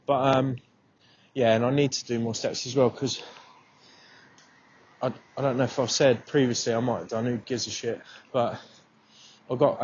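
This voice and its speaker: A man's voice: mid-range voice, darkish tone. A man with a cold-blocked nose, casually rambling and swearing as he talks to himself for his podcast while walking outdoors. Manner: sweary, self-deprecating, rambling. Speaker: podcast host. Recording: muffled outdoor recording with faint noise.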